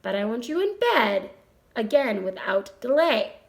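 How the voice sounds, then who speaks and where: A woman voicing a motherly female spider in a storybook, cool and collected, comforting and gently firm as she gives measured advice. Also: on the high side, big pitch swings, gravelly, heavily acted.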